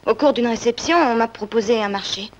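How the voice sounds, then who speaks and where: An actress playing a defiant, evasive young runaway daughter in a 1970s film drama. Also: female voice, on the high side, brisk, lo-fi sound, close to an everyday voice. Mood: confessing, earnest. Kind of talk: 1970s French-language film drama acting. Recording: faintly noisy old film soundtrack.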